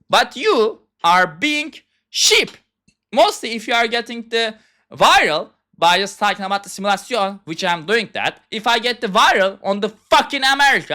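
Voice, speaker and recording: A young man with a Turkish accent delivers a heated, profane rant in broken English. His voice sits high and swings widely in pitch, with a bright, sharp edge. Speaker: self-styled philosopher. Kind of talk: ranting monologue.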